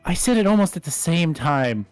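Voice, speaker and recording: A man's voice: a little high, lively intonation, normal speed, darkish tone, clean tone, dry recording, faint music behind. A man joking and laughing while playing a dating game on stream with a co-streamer. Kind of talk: casual game chat on stream.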